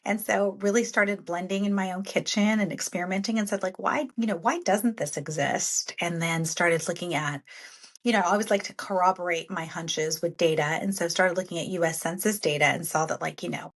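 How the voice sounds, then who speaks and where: A woman's voice: fairly low pitch, brisk. A middle-aged woman founder, a guest on an interview podcast, talking casually and fluently with many filler phrases. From United States, born in Sudan. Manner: upbeat and fluent, many "you know" fillers.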